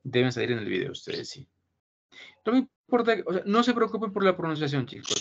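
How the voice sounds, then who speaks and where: A man's voice: on the high side, very animated, fairly quick, vocal fry. A man, teaching an online class, reassuring his students and often checking that they follow. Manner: reassuring, repeats himself, keeps checking with "¿listo?". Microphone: video call. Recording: muffled video call audio with faint noise.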